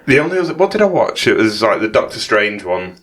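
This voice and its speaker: A man's voice: lowish voice, big pitch swings, quick pace, a bit bright. A young man co-hosting a casual podcast over drinks, talking bluntly and swearing freely. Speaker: podcast co-host.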